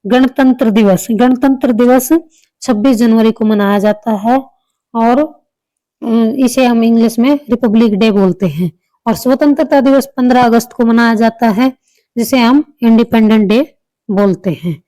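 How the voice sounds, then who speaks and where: A woman's voice: on the high side, measured pace, dark tone, no echo, poor audio. A woman teaching an exam-prep grammar lesson, explaining step by step and repeating answers.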